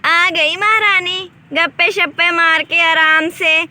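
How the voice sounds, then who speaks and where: A woman voicing a scolding, nagging old mother-in-law in a doll village story, speaking sharply and loudly. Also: high-pitched, measured pace, no echo.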